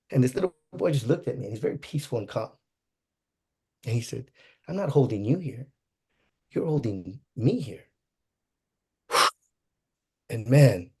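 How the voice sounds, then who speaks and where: A man telling an emotional personal story to an audience, swinging from hushed to excited. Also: medium pitch, slightly rough. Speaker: motivational speaker.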